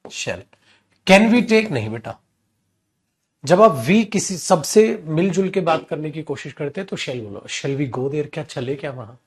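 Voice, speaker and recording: A man's voice: a little high, lively intonation, measured pace. A man with an Indian accent teaching an English grammar class in Hindi, chatty and teasing, often calling the students beta. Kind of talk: live online class in Hindi.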